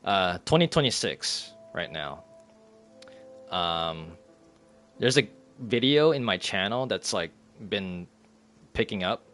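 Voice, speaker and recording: Thirties male streamer, loose chatty talk, frequent laughs, fairly low pitch. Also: lively intonation, takes it slowly, long pauses, a bit bright, soft background music. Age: 30s. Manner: rambling, laughs often, reads chat aloud. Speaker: live streamer. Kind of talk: casual live-stream chat.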